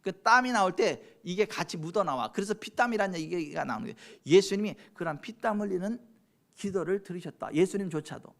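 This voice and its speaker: Man, pastor, sermon, high voice, sudden shouts, slow solemn scripture reading. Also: expressive, creaky.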